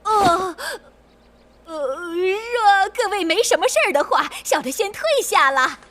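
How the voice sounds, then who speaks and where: A woman's voice: very high-pitched, expressive, unhurried, a bit bright, heavily acted. A woman playing a servile, fearful innkeeper in a period comedy drama. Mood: fawning. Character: fawning, timid inn keeper woman.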